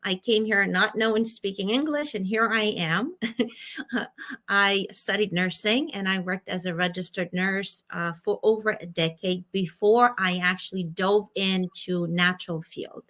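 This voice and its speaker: A woman in her forties with a Ukrainian accent, a wellness coach telling her story as a podcast guest in earnest, slightly halting English. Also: medium pitch, a bit bright. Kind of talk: casual interview talk.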